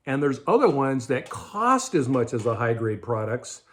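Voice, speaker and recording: A middle-aged American man talks at a normal speed in a medium-pitched, sing-song voice with a slightly bright quality. He's the host of a budget prepping show, casually reviewing gear to camera and explaining things conversationally from a garage or storage room lined with shelves.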